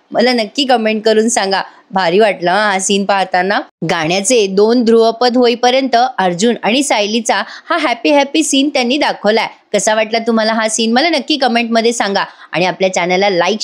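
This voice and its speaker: A woman's voice: on the high side, brisk, hardly any pauses. A woman doing a chatty voice-over recap of a TV serial, talking straight to her viewers and acting out the characters' lines. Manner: chatty, addresses viewers directly; voices characters' dialogue in quotes. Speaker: serial review narrator.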